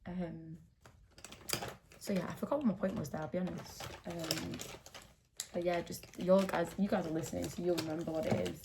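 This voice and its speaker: A woman's voice: lowish voice, fairly even intonation, moderate pace, vocal fry, long pauses, noisy background. A young woman chatting candidly while getting ready, rambling with lots of fillers. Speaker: beauty vlogger. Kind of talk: casual chat while doing makeup. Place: indoors at home, getting ready.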